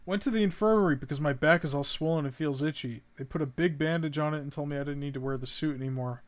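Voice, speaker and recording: A man's voice: on the high side, fast talker. Jumpy streamer man reading aloud. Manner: jumpy, swears when startled, laughs at grim text. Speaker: streamer playing a horror game. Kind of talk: casual gameplay commentary, reading notes aloud.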